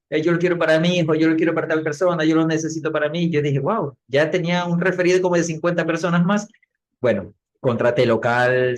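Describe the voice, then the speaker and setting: A middle-aged public speaking coach, appearing as a podcast guest, tells his story in an animated, fairly high-pitched voice. He acts out the things he said back then.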